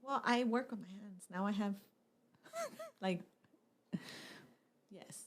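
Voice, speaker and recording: A woman co-hosting a podcast in casual chat, playful and quick to jump in with laughs. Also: mid-range voice, crowd noise. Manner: playful, interjecting, laughs easily. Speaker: podcast co-host.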